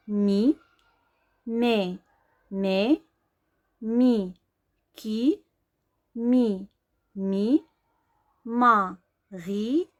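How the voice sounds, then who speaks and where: This is a woman teaching French reading to beginners, with a Moroccan Arabic accent. Her voice sits in an ordinary middle pitch. She lays out each rule in Darija, then drills single syllables one by one, dragging some of them out very slowly. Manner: slow, deliberate syllable-by-syllable sounding out.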